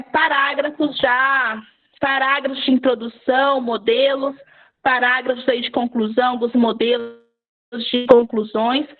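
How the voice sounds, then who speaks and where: A Brazilian woman teacher giving a live online writing class, patient and repeating key points. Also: sits high. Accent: Brazilian Portuguese. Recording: phone-like narrow audio.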